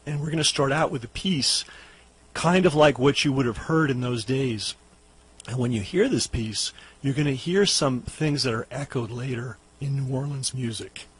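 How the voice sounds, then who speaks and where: A hoarse man who is losing his voice, a radio guest telling music history in a loose, explanatory way with many fillers. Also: mid-range voice, normal speed, low-quality recording. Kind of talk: casual radio history talk. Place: radio studio.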